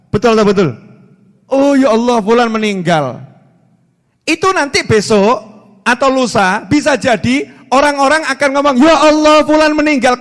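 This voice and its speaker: High-voiced Javanese-accented preacher. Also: male voice. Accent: Javanese-inflected Indonesian. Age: 40s. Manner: animated, repetitive, jokey storytelling. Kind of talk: sermon. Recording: reverberant hall.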